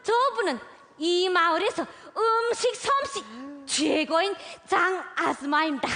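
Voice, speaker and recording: A village women's director with an extremely high voice and a Yanbian Korean accent. She is eager and boastful, gushing and exaggerating in broad stage comedy style. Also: a little slow, crowd noise. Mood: proud, boastful. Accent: Yanbian Korean (northeast China). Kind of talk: comedy sketch stage acting.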